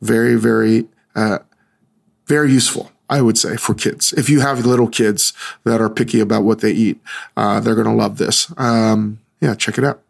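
A hungover man hosting a podcast, talking in a casual, rambling monologue with a halting, musing delivery. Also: fairly low pitch, steady tone, creaky. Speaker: podcast host.

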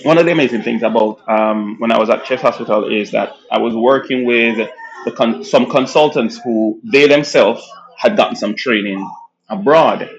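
A man with a Jamaican accent, born in Nigeria, talking as a guest physician in a casual interview, animated and laughing often, restarting phrases as he goes. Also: medium pitch, normal speed, lo-fi sound. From born in Nigeria, raised in Jamaica.

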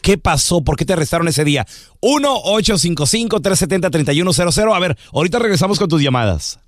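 A male radio host who jokes and teases his co-host. His voice sits high and sounds dry and close to the mic. Faint music plays under the talk. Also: animated, quick pace, dry recording. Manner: teasing, joking, jumps into put-on voices. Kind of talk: comic radio chat. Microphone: studio mic.

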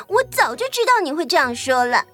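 In a children's audio story, a woman with a very high, bright voice plays a bubbly young assistant who is chatty, boastful and scatterbrained. Her heavily acted delivery is excitable and swooping, and the mood is gleeful.

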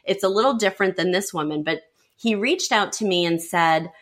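A woman working as a wardrobe stylist, guesting on an interview and telling a client story, acting out what people said in lively, shifting voices. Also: on the low side, a little fast. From lives in Sarasota, Florida. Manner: lively storyteller who acts out quoted speech.

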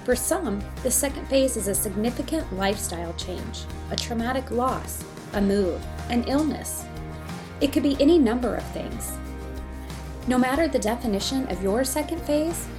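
Over music, a female podcast host with a fairly high, expressive voice opens with a scripted guest intro before interviewing them casually. She keeps a normal speed and an upbeat, eager manner as they chat.

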